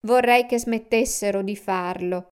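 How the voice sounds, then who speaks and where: A gentle, caring young female fox, as a woman voices her in a storybook. She talks softly and slowly in a smooth, clear voice. Her manner stays kind and warm-hearted. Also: mid-range voice, natural voice. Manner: gentle, soft-spoken.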